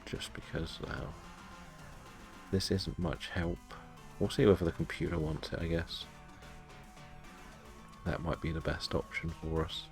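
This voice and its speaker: A man casually commentating on his game stream and chatting to viewers in a low-key, resigned, self-deprecating way. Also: steady tone, measured pace, long pauses, faint music behind. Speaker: live-streaming gamer.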